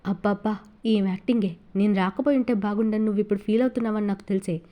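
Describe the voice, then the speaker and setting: A woman's voice: mid-range voice, steady tone, quick pace, warm tone, natural voice. A woman voicing a cruel, sneering middle-aged man who abuses his wife, in an audio novel. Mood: contemptuous. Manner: taunting, contemptuous.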